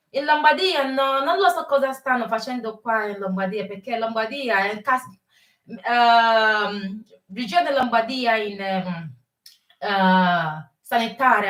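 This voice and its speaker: A woman hosting a casual live chat with viewers, mixing English and Italian and often pausing to search for words. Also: fairly high pitch, sharp tone, echoey room, recorded from a distance. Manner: mixes English and Italian while greeting viewers. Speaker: live stream host.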